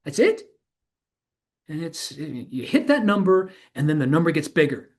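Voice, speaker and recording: A male stage performer delivers a true-story monologue in a conversational interview style, playing an earnest, reflective middle-aged ex-tech entrepreneur. He halts, searches and corrects himself, with emphatic swells, sounding candid and self-critical. His voice is a little high with big pitch swings.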